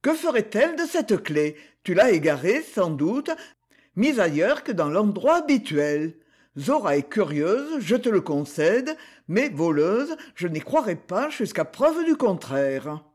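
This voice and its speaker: Mild reproachful count, a man reading him, slow calm audiobook voice. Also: sits high, exaggerated voice. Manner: mildly reproachful.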